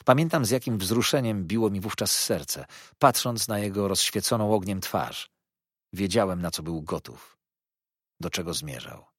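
A man narrating a novel as an audiobook in an expressive, animated reading. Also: low-pitched, moderate pace, no echo, studio quality. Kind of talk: scripted narration.

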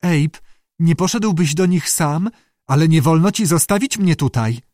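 A man's voice: a little high, expressive, a little slow, darkish tone, no room sound, pitched above the performer's own voice. A man voicing a frightened, pampered young actress who whimpers and pleads, in a dry audiobook reading. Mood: fussy.

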